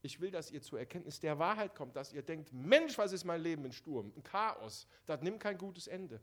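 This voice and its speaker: A man preaches a sermon, speaking right to his listeners. His voice sits a little high and moves a lot, dropping quiet and then pushing loud for emphasis. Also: sing-song, normal speed. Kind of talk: evangelistic sermon.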